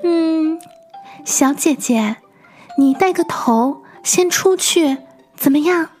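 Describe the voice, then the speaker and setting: A woman voicing the little flower sisters in a children's story, pleading in a high, eager voice. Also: takes it slowly, a little mellow, soft background music.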